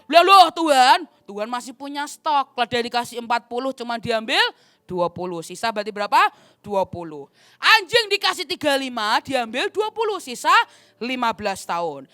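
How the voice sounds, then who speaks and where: A woman evangelist preaching a sermon, telling an animated story and calling her listeners "brothers and sisters.". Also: on the high side, moderate pace, dry recording, clean studio sound. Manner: animated, addresses audience as "saudara". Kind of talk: sermon storytelling with acted dialogue.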